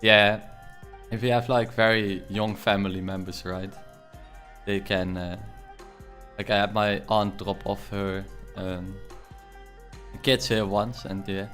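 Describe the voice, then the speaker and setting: A young Dutch streamer from the Netherlands, with a thick accent, chats casually and jokingly with viewers while playing a game, rambling and laughing often. His voice is on the low side, steady, slow and a bit bright, with faint music behind.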